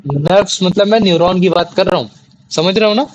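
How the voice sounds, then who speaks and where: A man's voice: sits high, a little fast, poor audio. A young man teaching a classroom lesson, often repeating questions to check that the students follow. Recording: faint background noise.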